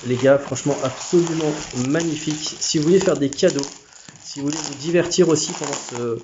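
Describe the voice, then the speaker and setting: A man's voice: fairly high pitch, muffled recording, noisy background. A man hosting a casual unboxing vlog at home, chatty and slangy, often stumbling and restarting his sentences. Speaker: aquarium hobby YouTuber. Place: home living room.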